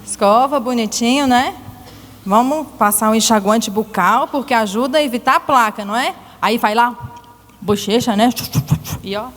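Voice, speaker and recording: Woman storyteller for kids, lively questioning, fairly high voice, long church hall reverb. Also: moderate pace. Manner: animated, asks children many questions. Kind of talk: telling a Bible story to children.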